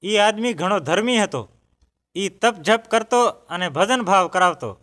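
A man's voice: sits high, expressive, a little slow, a bit bright. A man in a scripted religious dialogue, speaking somberly and asking questions about death. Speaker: grieving villager.

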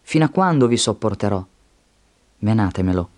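Man reading grave male teacher, commanding, solemn, deep-set and dark-toned. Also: animated, moderate pace, close to an everyday voice.

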